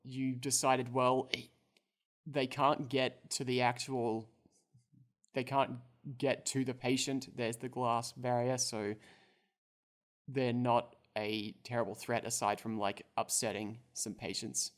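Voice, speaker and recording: Young guy chatting through a tabletop rpg, loose and rambly, mid pitch. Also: level tone, slow. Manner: rambling, full of filler words and restarts, joking. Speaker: player. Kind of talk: casual tabletop role-play narration.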